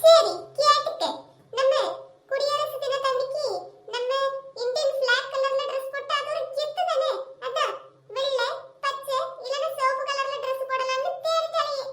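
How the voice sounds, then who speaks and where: Casting: woman playing nagging young wife, very high squeaky voice, roomy echo. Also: fairly even intonation, normal speed, fairly bright tone. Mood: chatty. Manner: scolding, complaining. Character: bossy young wife, nagging and quick-tempered. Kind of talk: comedy skit.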